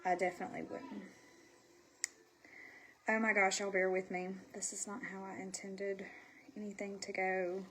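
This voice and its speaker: This livestream host, who sells makeup, has a Southern US accent and a congested, stuffy-sounding voice as she chats in a folksy, self-deprecating way while applying makeup. Her medium-pitched voice is a bit bright and level in tone, at a normal speed with frequent pauses. There's a slight hiss or hum.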